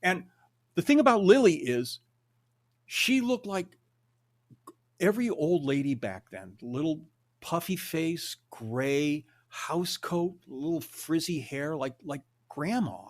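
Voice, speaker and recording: An older man telling stories as a podcast guest, animated, acting out quotes and swearing freely. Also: fairly high pitch, takes it slowly. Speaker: guest storyteller. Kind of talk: conversational storytelling.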